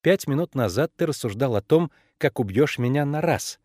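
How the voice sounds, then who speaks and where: A bossy, precocious eight-year-old girl pushes her questions, her voice swinging lively up and down, as a man puts her on. It is an audiobook read dry and close to the mic, with a teasing, insistent edge. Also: medium pitch, no echo, close to an everyday voice. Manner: insistent, quick, conspiratorial questioning.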